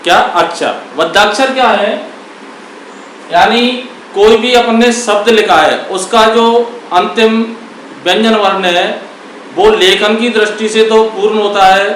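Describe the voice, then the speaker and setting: A man teaching a grammar lesson, asking questions and answering them himself, repeating key words and sounding out syllables slowly. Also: sits high, fairly even intonation, fairly bright tone, heavy reverb, far from the mic, a little hiss or hum, poor audio. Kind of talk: classroom lesson.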